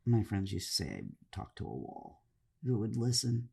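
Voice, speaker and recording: A woman's voice: extremely low pitch, sing-song, normal speed, gravelly, warm tone, husky. A woman co-hosting a podcast, chatting casually and telling rambling stories with frequent laughs. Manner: rambling storyteller, laughs often. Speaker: podcast co-host, comedian. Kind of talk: casual chat.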